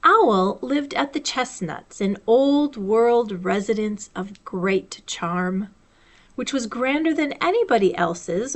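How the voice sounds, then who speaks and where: A library storyteller, a woman with a fairly high-pitched voice, reads a children's storybook aloud using measured, deliberate phrasing.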